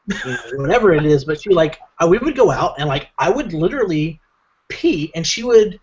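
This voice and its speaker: Husky, rambling podcast storyteller guy. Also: on the high side, highs cut off. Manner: rambling, filler-heavy, animated retelling. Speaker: podcast co-host. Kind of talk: casual comedic storytelling.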